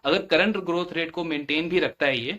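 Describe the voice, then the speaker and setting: This is earnings-call commentary from a male financial analyst who walks through points step by step, repeating phrases to stress them. His voice sits fairly high and runs a little fast, sounding pushed and bright on a lo-fi recording.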